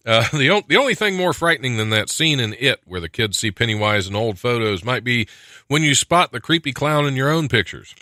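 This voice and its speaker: Speaking fairly quickly in a mid-range voice with lively intonation and a sharp tone, this American podcast host, around forty, chats casually and reads strange news items while joking at his own expense. He records in a small studio on a close, stand-mounted mic, so the sound is studio quality and free of echo.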